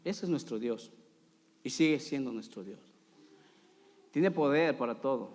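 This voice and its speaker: A man preaching a sermon in a church, dramatic, swinging from loud pleading to quiet asides. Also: medium pitch, lively intonation, a little slow. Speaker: pastor. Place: church sanctuary. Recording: long hall reverb.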